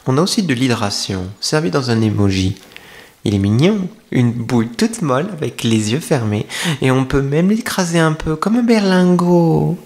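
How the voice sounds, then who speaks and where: A man plays a coy young femboy streamer welcoming the listener into a maid café roleplay, his mid-range voice darkish, expressive and close to everyday speech at a moderate pace. It's intimate ASMR, playful and teasing, confiding straight to one person in a playful, welcoming mood.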